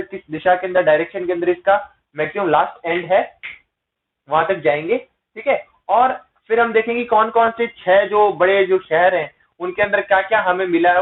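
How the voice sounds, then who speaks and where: A man teaching an exam-prep lecture, asking rhetorical questions and checking in with his listeners. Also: high voice. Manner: explains with repeated rhetorical questions and "है ना" tag checks; mixes English terms into explanations. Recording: tinny phone-like sound.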